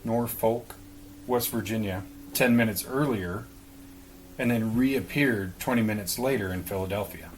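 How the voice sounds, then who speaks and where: A man's voice: fairly low pitch, a little slow, slight background noise, low-quality recording. A man co-hosting a podcast, casually explaining a story with some swearing and speculation. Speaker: podcast co-host. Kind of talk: casual conversation.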